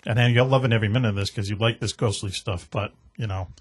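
A man's voice: lowish voice, fairly even intonation, fast talker, breathy edge. A man with a Boston accent hosting a radio talk show, rambling and joking with plenty of fillers.

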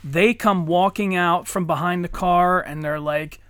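A man in his thirties, a father and podcast co-host, telling stories in lively casual chat, swearing often and acting out quotes. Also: sits high, measured pace, clean tone, no room sound, clean studio sound. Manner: animated storyteller, swears often, acts out quotes.

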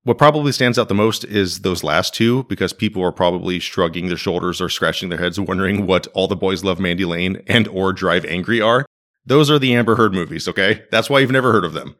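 A man's voice: low-pitched, a little fast, fairly bright tone. A man hosting a podcast in casual, wry conversational commentary, recorded in a living room. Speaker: podcast host. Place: living room used as a home studio.

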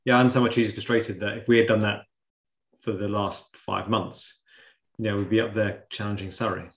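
Male co-host, lowish pitch, loose conversational sports talk, echoey room sound. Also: little pitch movement, a little fast. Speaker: podcast co-host. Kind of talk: casual sports discussion. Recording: roomy, echoing sound.

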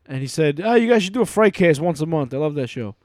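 Man, podcast host, casual rambling chat, somewhat high voice, dry sound. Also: animated, a little mellow, no echo. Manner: rambling, halting, with fillers and profanity.

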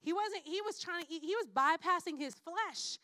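A woman from Puerto Rico preaches a sermon with a high, bright, ringing voice. She is lively and playful, slipping into the voices of the people in her stories. The sound is dry and close, with little room echo. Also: moderate pace. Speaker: guest preacher.

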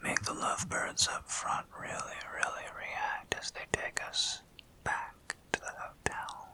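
A woman performing an intimate audio roleplay in a breathy whisper, teasing and commanding by turns with lots of repeated urging. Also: measured pace, pushed and bright.

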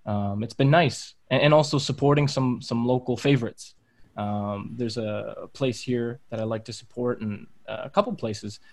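A man's voice: mid-range voice, steady tone, moderate pace. A man chatting casually on a podcast, in a loose, rambling way full of "um" and "you know". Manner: loose, filler-heavy. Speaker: podcast guest. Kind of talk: casual chat.

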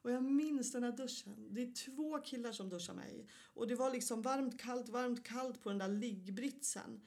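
Woman, slightly high voice, lively storyteller, laughs a lot, acts out voices. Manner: laughs often while telling stories, acts out voices. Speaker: guest. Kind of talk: casual storytelling interview.

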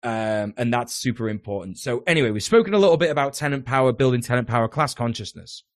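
Man, podcast host, casual rambling chat, mid-pitched, dry close recording. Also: animated, fast, dry recording. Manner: rambling, many fillers and restarts, swearing.

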